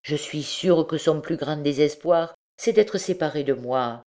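A woman with a low, darkish voice reads aloud at a slightly slow pace, playing a desperate, middle-aged peasant mother. Pleading, fervent and imploring, she raises her voice above her usual tone.

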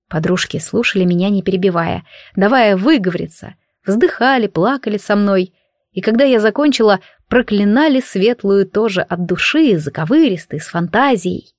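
A woman reading a humorous fantasy audiobook in a lively, ironic storytelling manner. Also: medium pitch, no echo, studio quality. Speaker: audiobook narrator. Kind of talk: expressive audiobook narration.

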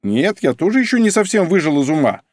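Brief: nervous cowardly clerk, read by a man, husky whining mutter, pitched high, bone-dry studio sound. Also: big pitch swings, quick pace, a little mellow, no echo. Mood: indignant excited. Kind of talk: audiobook character voice.

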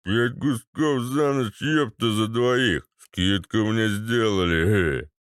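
Brief: swaggering drunk ex-paratrooper, voiced by a man, bassy and crude, slow and smooth. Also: dry recording, clean studio sound. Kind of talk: audiobook character voice.

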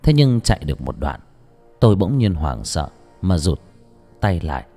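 Low-voiced man narrating a horror tale. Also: moderate pace, soft background music. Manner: dramatic, expressive storytelling. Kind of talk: scripted audiobook narration.

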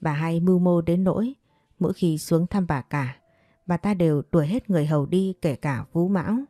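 A woman narrating a story in a steady, measured way. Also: on the low side, no room sound, clean studio sound, soft background music. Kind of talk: scripted narration.

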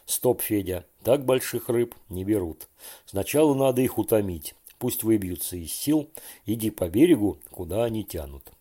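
Man reading old grandfather, low mellow voice, gentle, patient, storybook. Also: expressive, moderate pace. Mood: patient instructive. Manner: gentle, instructive.

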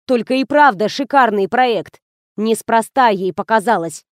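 A woman gives voice to a gloomy, secretive woman in an audiobook, muttering grimly. The tone sits fairly high, recorded dry and close. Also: a little slow, dry recording, natural voice. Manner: grim, muttering.

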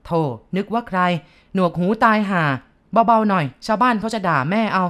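A woman's voice: medium pitch, moderate pace, a bit bright, smooth, lightly acted. A woman voicing a blunt middle-aged man who scolds coarsely. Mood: gruff.

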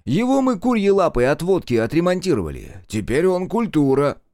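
A man's voice: fairly high pitch, sing-song, moderate pace, darkish tone, no echo, clean studio sound, pitched above the performer's own voice. Man doing a folksy old village man. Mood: explaining. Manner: rustic dialect, matter-of-fact explaining. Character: folksy older village man in straw hat.

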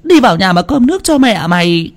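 A man voicing a soft-hearted, fussing elderly grandmother in a storybook tale. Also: very animated, a little fast. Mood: coaxing. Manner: scolding, coaxing, high-pitched.

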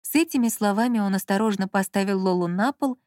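A woman's voice: medium pitch, quick pace, darkish tone, dry recording. Woman narrating an audiobook, dry.

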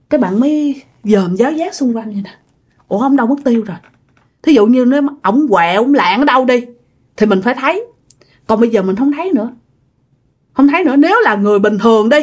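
A woman with a Southern Vietnamese accent telling a ghost story in a chatty way, talking straight to her listeners. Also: fairly high pitch. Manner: chatty, addresses listeners directly, many fillers. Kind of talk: casual ghost-story narration.

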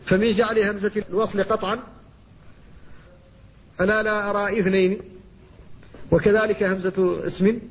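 A middle-aged man with a Mauritanian Arabic accent, teaching Quran recitation with slow, careful demonstrations of pronunciation. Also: high voice, flat delivery, lo-fi sound, a little hiss or hum. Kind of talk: explanatory lesson on tajweed.

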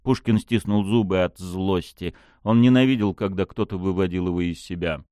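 A man narrating a fantasy audiobook in an even, dramatic storytelling manner. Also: low-pitched, moderate pace, no room sound, studio quality.

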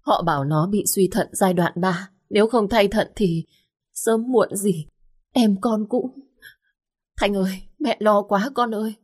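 A woman's voice: fairly low pitch, unhurried, husky. A woman voicing an anxious older mother, tearful and pleading, in a storybook reading. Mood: distraught.

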